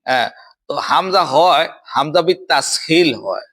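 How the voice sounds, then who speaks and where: A young man teaching Quran recitation, chanting verses slowly and then explaining pronunciation with quick questions to a student. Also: a little high, lively intonation, pushed and bright. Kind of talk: Quran recitation drill lesson.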